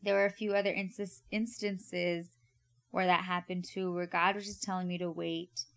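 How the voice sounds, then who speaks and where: A woman's voice: fairly low pitch, level tone, normal speed, creaky, fairly bright tone. Chatty young woman telling a story. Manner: chatty, lots of "like" and "right?". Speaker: podcast host. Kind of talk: casual storytelling.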